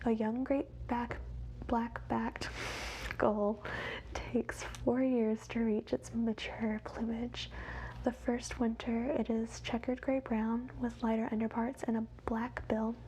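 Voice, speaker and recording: A woman whispers wildlife facts in a soft, measured ASMR reading, as quietly as someone watching animals. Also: a little high, little pitch movement, a little hiss or hum, poor audio. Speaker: ASMR host.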